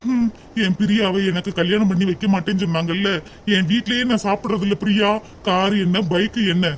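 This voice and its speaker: A devoted young rich boyfriend, voiced by a man in a cartoon, who talks earnestly and reassuringly in a southern Tamil accent. His voice sits very high for a man, with faint noise behind it. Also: fairly even intonation, brisk, close to an everyday voice.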